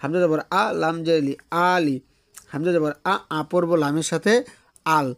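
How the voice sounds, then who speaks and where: A man's voice: on the high side, steady tone, moderate pace, a bit bright, no echo. Man drilling letter sounds, dry close voice. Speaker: Quran teacher. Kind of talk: beginner Quran reading lesson.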